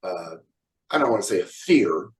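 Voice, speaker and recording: A man's voice: low voice, big pitch swings, moderate pace, far from the mic, rough recording. Blunt joking middle-aged man, a bit off-mic. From California. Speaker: square dance caller, guest. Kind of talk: casual interview chat.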